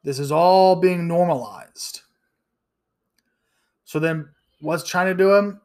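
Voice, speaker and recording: A man's voice: on the high side, slow, darkish tone. Blunt, cursing man in his thirties. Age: 30s. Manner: blunt and profane, with frequent restarts. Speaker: podcast host. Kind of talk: ranting solo podcast commentary.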